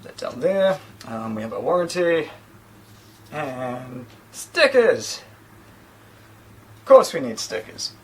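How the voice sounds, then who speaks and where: A thirtyish New Zealand tech reviewer unboxes a gadget in a small room against a plain sheet, chatty and a bit rambling with self-deprecating asides. His husky mid-range voice swings widely in pitch, moves slowly with long pauses, and is captured on a low-quality recording by a camera mic a few feet away.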